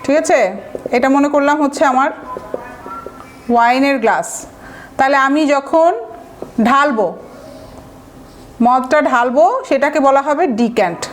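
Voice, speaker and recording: High-voiced woman teaching vocabulary. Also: measured pace, long pauses, soft background music. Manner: explains step by step, asks rhetorical questions; spells words out letter by letter, with fillers. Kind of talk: exam-prep lecture.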